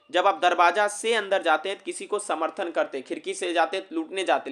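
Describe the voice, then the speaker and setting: Male vocabulary teacher, slightly high. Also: fairly bright tone. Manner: repeats questions to viewers, many fillers. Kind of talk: casual explaining lesson.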